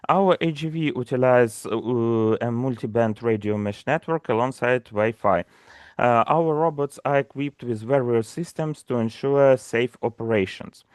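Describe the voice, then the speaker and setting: A man with a Ukrainian accent, speaking on a video call while sharing his screen. He gives a prepared startup pitch and reads from a script with frequent "uh" fillers. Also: measured pace, clear, resonant tone, no echo, clean studio sound. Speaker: startup presenter.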